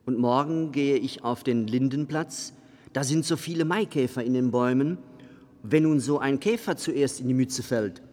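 A man's voice: mid-range voice, normal speed, darkish tone, lightly acted. A man playing a poor, anxious old barrel organ player, talking in a pleading way. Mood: protesting. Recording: long reverb with faint music behind.

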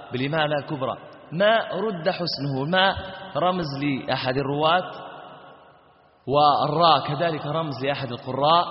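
Libyan man teaching Quran recitation in a reverberant hall. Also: a little high. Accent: Libyan Arabic. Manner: asks students questions and answers them himself; drills sounds by repeating and intoning them slowly. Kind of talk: recitation lesson with chanted examples. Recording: dull lo-fi audio with long hall reverb.

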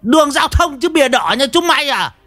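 A man's voice: very high-pitched, big pitch swings, fairly quick, fairly bright tone, faint music behind, pitched above the performer's own voice, exaggerated voice. A man voicing a clumsy old villager who stammers and blusters excuses. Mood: flustered.

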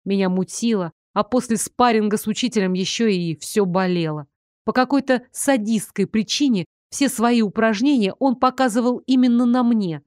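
A woman's voice: fairly high pitch, moderate pace, darkish tone, dry recording, clean studio sound. Woman narrating a fantasy audiobook. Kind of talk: first-person fantasy novel narration.

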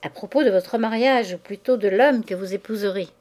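A woman reading the part of an ambitious young man who speaks softly and coaxingly, with a cool edge. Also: medium pitch, fairly quick, lightly acted. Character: smooth-talking ambitious young man, cold.

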